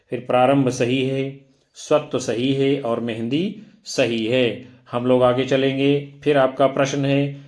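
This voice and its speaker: A male teacher talks through exam questions at a very slow, measured pace. He reads each option aloud one at a time, then explains the right answer, at a mid-range pitch. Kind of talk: exam-prep lesson.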